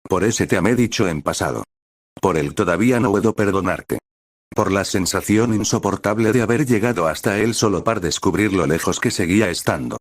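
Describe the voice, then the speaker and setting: A man with a very deep voice narrates a romance story in an even, measured way. The recording is dry and close, with no room sound. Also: husky, dry recording.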